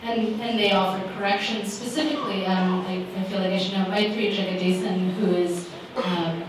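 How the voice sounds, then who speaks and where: Speaking at a moderate pace in a steady, medium-pitched voice, a woman author in her forties answers audience questions on a panel. She sounds thoughtful but uses many fillers, talking into a handheld mic in a living room with a small audience, recorded roomily from a distant camera with background noise.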